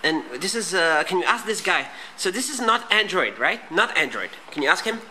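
A man with a high, very animated, sharp-toned voice asks short, repeated questions at a moderate pace. He's inquisitively and casually interviewing people on a walk-around tour of a busy small factory and office, speaking from behind a handheld camera. Faint workplace noise can be heard.

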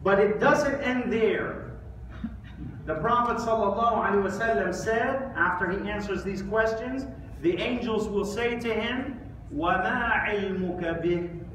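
This man, in his thirties, has a voice that sits high and a bit bright. Giving an Islamic sermon with quoted Arabic recitation, he's emphatic and deliberate, leaning on rhetorical questions and pauses. He's in a large indoor mosque prayer hall, recorded from far away by a camera or phone, so the audio echoes and carries faint noise.

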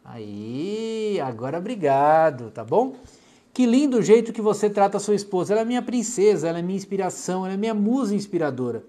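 A middle-aged Brazilian man with a fairly high voice hosts a live stream as a clinical hypnotherapist, chatting casually through viewer comments. He speaks in a Brazilian Portuguese accent, chatty and affectionate, often dropping his voice softly to talk to someone off camera. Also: animated, brisk.

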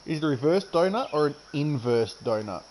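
A man's voice: on the high side, animated, fairly quick, darkish tone, slight background noise, low-quality recording. A man with a slightly raised voice chats loosely while playing a golf game. He jokes and laughs a lot, and faint crickets chirp in the background. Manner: joking, laughs often, talks with his mouth full. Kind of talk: casual gaming chat.

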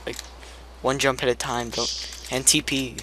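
A man's voice: mid-range voice, level tone, a little slow, sharp tone, slight background noise. A man hosting a casual gameplay session with friends, laid-back and giving instructions. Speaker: channel host and game player.

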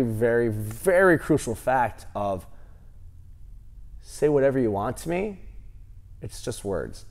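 A man in his thirties, a gym owner, answering interview questions with animated stories and lots of fillers, on a lapel mic in a large gym. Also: on the low side. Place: large empty gym, indoors.

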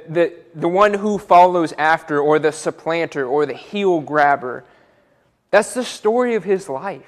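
Young guy preaching slow in a church hall, kinda high voice, long echo. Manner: earnest, repeats words as he builds points. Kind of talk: sermon. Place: church auditorium, speaking from a pulpit.

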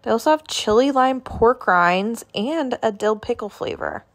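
A woman's voice: fairly high pitch, animated, measured pace. A woman vlogging a casual walk through a grocery store, chatting about products and prices as she films on her phone. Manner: chatty, listing items and prices. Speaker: shopping vlogger.

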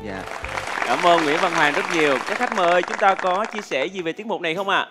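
Fast-talking male TV show host. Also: high voice, lively intonation, long reverb tail. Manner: upbeat, formal announcer phrasing. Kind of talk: lively show hosting. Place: TV studio with audience. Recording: studio with music and crowd behind.

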